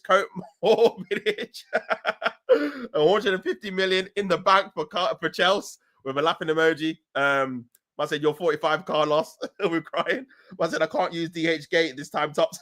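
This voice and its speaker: Bright-voiced slangy young male streamer. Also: fairly high pitch. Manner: slangy, laughs often, loose and animated. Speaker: football channel host reading live chat. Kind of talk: casual live-stream chat.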